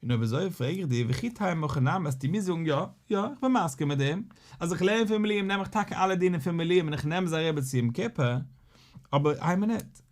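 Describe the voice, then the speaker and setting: A man's voice: a little high, expressive, fairly quick. A man with a Yiddish accent giving a Talmud lesson as a rabbi, in a rising and falling study cadence. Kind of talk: Talmud lecture.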